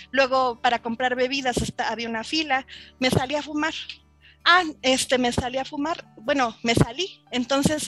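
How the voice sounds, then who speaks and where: A Mexican woman with a Mexican accent, a podcast guest telling her story in a lively way and acting out the dialogue. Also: on the high side. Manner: lively, acts out quoted dialogue. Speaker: interview guest. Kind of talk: casual storytelling in an interview.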